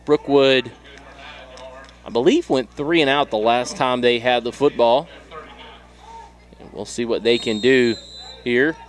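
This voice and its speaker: A man with a Southern US accent calling play-by-play for a high school football game in a steady, measured way. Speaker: play-by-play announcer.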